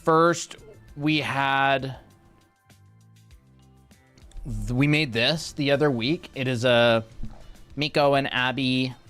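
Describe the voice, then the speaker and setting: A young man chatting on a drawing livestream at an unhurried pace, playful and joking between bits of news. His voice comes through clean and smooth, with soft music playing underneath. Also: mid-range voice. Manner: joking, playful, sings filler syllables. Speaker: co-host of art livestream. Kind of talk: casual livestream chat.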